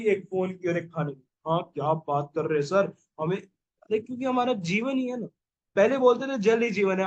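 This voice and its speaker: A young man teaching a revision lecture, playful and jokey, who keeps quizzing his listeners with "yes or no?". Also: high-pitched.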